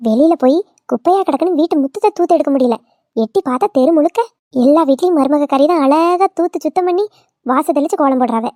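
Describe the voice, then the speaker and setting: A woman's voice: sits high, animated, fast talker, mellow, no echo, studio quality. A woman voicing a scolding older village mother-in-law, in a cartoon. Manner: nagging, scolding. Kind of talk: cartoon voice acting.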